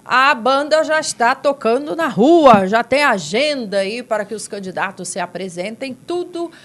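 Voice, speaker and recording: A woman's voice: on the high side, animated, normal speed, fairly bright tone. A Brazilian woman hosting a podcast discussion, speaking in a sardonic, conversational way. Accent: Brazilian Portuguese. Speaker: podcast host.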